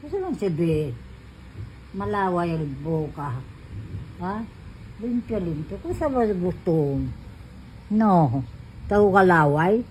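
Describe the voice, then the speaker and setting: A woman coos at a baby in unhurried, drawn-out baby talk. Her voice is mellow and low in brightness, playful and coaxing. A faint hiss sits behind her. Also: sing-song, poor audio. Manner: cooing, playful, coaxing, laughs often. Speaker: caregiver talking to a baby.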